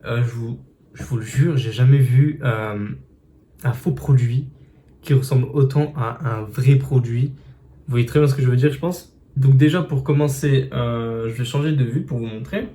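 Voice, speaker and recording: A man's voice: mid-range voice, moderate pace, dark tone, slight background noise. A man casually unboxing and reviewing earbuds, chatty with many fillers and restarts, filmed on a phone indoors. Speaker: tech reviewer. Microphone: phone camera.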